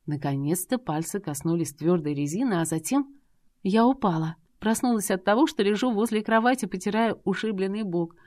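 A woman narrating a first-person fantasy romance, expressive, wry and indignant. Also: medium pitch, fairly quick. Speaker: audiobook narrator.

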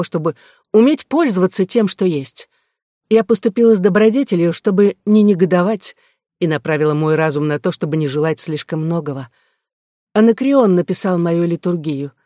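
Sharp and reproachful, this is a worldly courtesan sister who scolds and lectures, proud of a life spent on pleasure, as a reader puts her on. She speaks at a middle pitch with lifts of emphasis, in a dry, close recording with no room around the voice. The telling is that of a classic audiobook. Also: no echo, natural voice. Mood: defiant. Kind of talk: audiobook reading.

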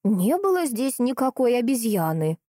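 A woman voicing a spry, high-voiced village granny. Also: big pitch swings, normal speed, mellow, dry recording, studio quality. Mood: folksy. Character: chatty elderly village woman, spry and sly.

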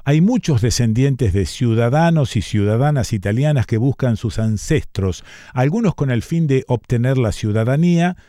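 A man hosting an interview, speaking in a measured, conversational way. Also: mid-range voice, dark tone, no echo, clean studio sound. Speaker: radio host.

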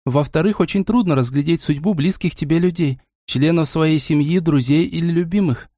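A male narrator voicing a calm, gentle young princess who can see the future, speaking in a soft, mentoring tone. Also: on the high side, moderate pace, dry recording, studio quality, voice pushed up, lightly acted.

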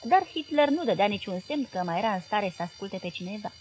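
A woman's voice: mid-range voice, animated, a little mellow, soft background music, low-quality recording. Woman narrating a literary audiobook.

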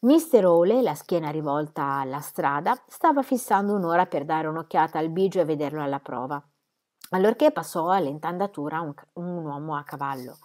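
Young woman reading a novel aloud, steady and measured, slightly low voice. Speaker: audiobook reader.

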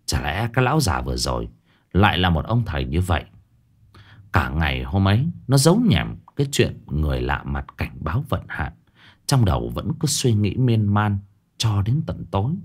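A male storyteller narrates a spooky folk tale. His delivery is dramatic and very animated, the pitch rising and falling constantly. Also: moderate pace.

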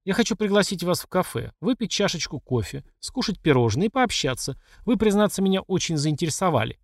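Brief: male narrator playing an ironic, unhurried old emperor in an audiobook, lively pitch. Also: no room sound, studio quality, heavily acted. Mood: amused calm. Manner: politely teasing, unhurried. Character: calm ironic aging male emperor, bald.

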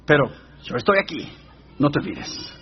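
A man acting out God's calm, low reply in a sermon joke. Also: normal speed, highs cut off. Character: God answering calmly, deep and unhurried.

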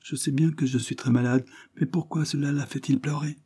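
A man reading aloud voices a sickly, pensive little boy, lifting his voice high for the child. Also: fairly even intonation, brisk, warm tone, husky. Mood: plaintive.

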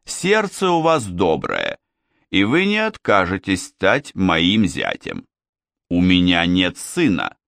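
A man's voice: low-pitched, wildly swooping pitch, takes it slowly, vocal fry, a bit bright, dry recording, clean studio sound, full character voice. A male audiobook reader voicing a grand, coaxing king of penguins. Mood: jovial. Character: jovial pompous old male penguin king. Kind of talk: audiobook character reading.

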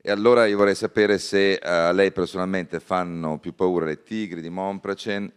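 Male radio host, very deep and smooth, measured interviewer. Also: fairly even intonation. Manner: measured, reflective questioning.

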